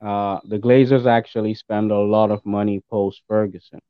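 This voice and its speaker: A man's voice: on the low side, level tone, moderate pace, clear, resonant tone, dry recording. A man heard over a thin, phone-like connection with a dry sound. He is a podcast guest talking football casually, giving emphatic opinions and hammering his points by repetition. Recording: thin, band-limited remote call sound.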